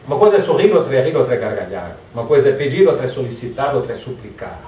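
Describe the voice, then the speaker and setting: A man's voice: mid-range voice, rapid-fire, slight background noise. A man giving a motivational lecture, acting out example phrases in different tones. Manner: lively, acts out example phrases in varied tones. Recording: echoey hall from far off.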